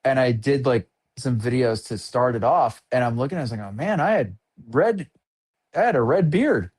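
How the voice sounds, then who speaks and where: Guest, male, 50s, casual interview; relaxed, hesitant, filler-heavy delivery; medium pitch. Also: moderate pace, slightly rough. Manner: easygoing, hesitant with many ums. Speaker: guest artist.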